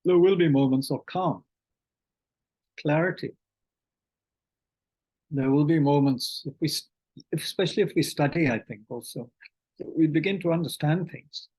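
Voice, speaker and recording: A man teaching Buddhist meditation online, speaking haltingly with many fillers, restarts and throat-clearing, and reading out questions from the chat. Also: on the high side, warm tone, poor audio.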